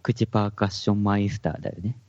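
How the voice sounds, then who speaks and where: A man's voice: fairly low pitch, fairly even intonation, fast, darkish tone, dry recording, lo-fi sound. A man with a Hakata accent, a podcast co-host in casual chat among musicians, joking and laughing often. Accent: Hakata dialect. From Fukuoka.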